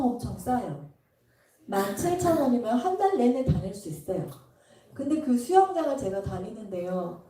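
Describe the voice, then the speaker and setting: A woman's voice: a little high, dark tone. A middle-aged woman, a pastor's wife, telling a church testimony story and acting out the dialogue in it. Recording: echoey hall, mic at a distance.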